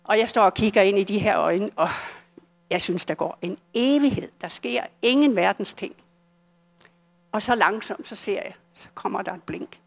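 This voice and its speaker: An older woman with a Danish accent speaks at a church service, telling her own story in an earnest, halting way. She often restarts her sentences. Her voice sits at an ordinary middle pitch. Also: vocal fry. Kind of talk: personal testimony in a church service.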